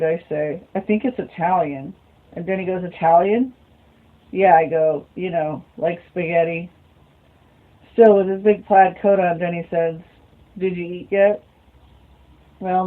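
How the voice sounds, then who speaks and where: A woman reading a novel aloud as a storyteller, muttering short asides to herself between passages. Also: lowish voice. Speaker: reader. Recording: phone-like lo-fi recording.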